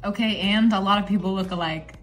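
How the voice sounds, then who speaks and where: A woman's voice: mid-range voice, fast talker, faint music behind. Dramatic, whiny young woman in a sketch. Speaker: comedy creator. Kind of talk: comedy sketch role-play.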